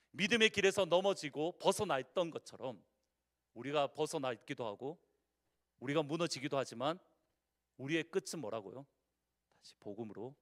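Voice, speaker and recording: A male pastor with a Busan accent preaching a sermon, putting questions to the congregation and swinging from loud declarations to hushed endings. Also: on the high side. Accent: Busan Korean. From Busan, South Korea. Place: church sanctuary.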